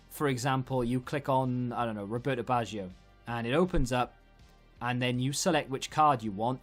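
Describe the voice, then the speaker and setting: Man, gaming video host, casual rambling commentary, conversational, thinking aloud, medium pitch, background music. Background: music under the voice.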